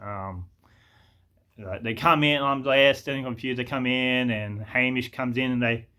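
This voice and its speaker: A man's voice: mid-range voice, unhurried, bright, forceful tone. A man telling a story in a casual, rambling way, full of fillers and restarts.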